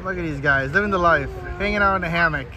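A middle-aged family vlogger walks around a zoo outdoors, narrating fast in a fairly high voice. Holding the camera out at arm's length, he stays chatty and cheerful as outdoor sounds play behind him.

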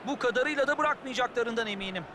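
A high-pitched male football analyst co-commentates at a quick pace, offering opinionated judgements on the players and the run of play. Loud noise sits behind him.

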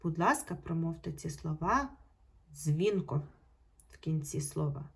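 A woman teaching a primary school video lesson, stretching out example words slowly and clearly for children. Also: low voice, animated. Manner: slow, drawn-out pronunciation of example words.

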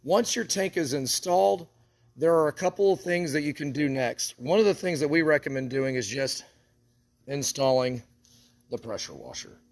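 A man's voice: on the high side, animated, normal speed. A man from an equipment shop explaining step by step how to build a trailer rig, talking practically while he handles the parts. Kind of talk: hands-on how-to walkthrough.

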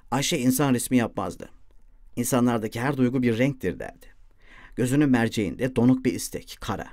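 A man narrates a literary novel in a measured, mid-pitched voice, nudging his tone up for quoted dialogue. The sound is close and dry, with no room around it. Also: darkish tone, no room sound. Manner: reads dialogue in lightly shifted voices. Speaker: audiobook narrator. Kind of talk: literary audiobook reading.

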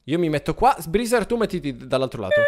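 A man's voice: on the high side, sing-song, fast, a little mellow. A man hosting a playful Minecraft role-play, teasing and laughing as he bosses the others. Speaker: gaming YouTuber host.

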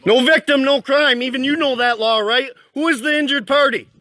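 High bright-voiced guy yelling back at cops, talks over them, dry close phone sound. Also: fairly even intonation, a little fast, no echo. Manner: defiant, interrupting, repeats himself. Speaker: man in a standoff with police. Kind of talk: heated argument, live-streamed.

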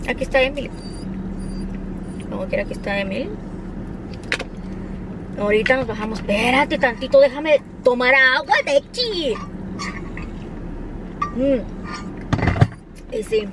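Mexican woman, casual vlogger voice, a bit high, chatty, coos at her dogs; noisy phone audio outdoors. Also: lively intonation, takes it slowly, long pauses. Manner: chatty, talks to her dogs in squealy baby talk. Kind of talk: casual vlog chat. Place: in a car, then outdoors in a sunny yard.

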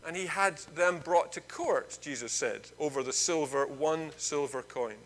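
A man's voice: on the high side, a little slow, a bit bright, rough recording. A Scottish man leading a church service, chatting with the congregation and telling a Bible story in a playful, informal way.

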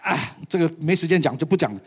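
A church elder preaching a sermon to a live audience, animated and slipping English phrases into his talk. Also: a little high, fast talker, slightly rough.

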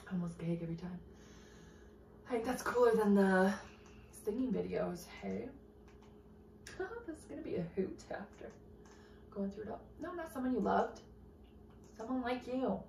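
A woman's voice: mid-range voice, lively intonation, moderate pace, creaky, pauses often, a little mellow, far from the mic, a little hiss or hum. A woman vlogging at home, muttering to herself, swearing and joking in exasperation. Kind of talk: casual chatter to camera. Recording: roomy echo from off-mic.

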